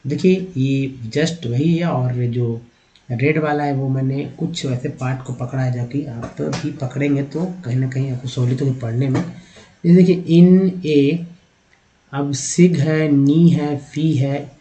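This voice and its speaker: A man's voice: mid-range voice, warm tone, low-quality recording. Indian man sounding out English spellings. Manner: spells words out letter by letter and sounds them out slowly; addresses viewers directly, repeating "dekhiye". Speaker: English teacher. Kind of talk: online language lesson.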